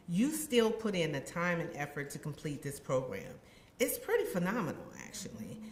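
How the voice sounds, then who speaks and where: Lively, lower-pitched woman giving a speech. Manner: expressive, acts out her own past thoughts. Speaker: university administrator giving a ceremony speech. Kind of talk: heartfelt ceremony speech. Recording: echoey room.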